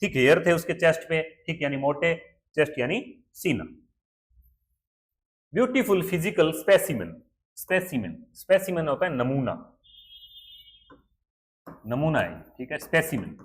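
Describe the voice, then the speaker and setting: A man's voice: fairly high pitch, sing-song, a little slow, pauses often. A man with an Indian accent teaching an English chapter in Hindi, going word by word and asking and answering his own questions.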